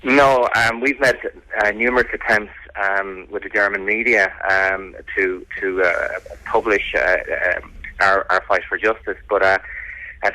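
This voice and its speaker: Low-voiced Irish man, earnest and halting. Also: sharp tone, no room sound, poor audio. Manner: earnest, determined, halting and hesitant delivery. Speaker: interviewee, family campaigner. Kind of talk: radio interview.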